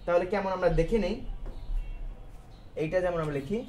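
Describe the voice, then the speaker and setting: A man's voice: high voice, fairly even intonation, a little fast, darkish tone, faint music behind. A male teacher giving a grammar lesson to students, explaining step by step and asking questions that he answers himself, in a colloquial style with English words mixed in.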